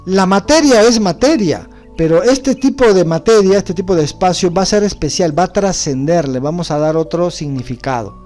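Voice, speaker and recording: A man gives a religious studies lecture, walking his class through word meanings step by step and dropping frequent rhetorical checks to see that everyone follows. His voice sits somewhat high for a man, and faint music runs underneath. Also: moderate pace, few pauses, a little mellow. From Bolivia. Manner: explanatory, asks rhetorical questions with frequent "¿no?". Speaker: teacher.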